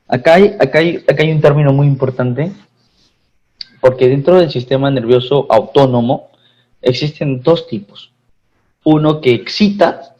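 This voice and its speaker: A Peruvian man at a middle pitch teaches a pharmacy course. He talks in loose, repetitive phrases and keeps checking in with his students. The sound is dull and lo-fi, like an online class recording. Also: darkish tone. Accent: Peruvian Spanish. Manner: repeats phrases, asks the class questions.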